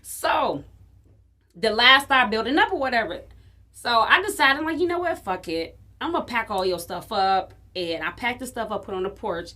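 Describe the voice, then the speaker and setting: A woman from Chicago, co-hosting a podcast, telling a story in casual chat, animated and profane and acting out the dialogue. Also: on the high side, normal speed. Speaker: podcast co-host.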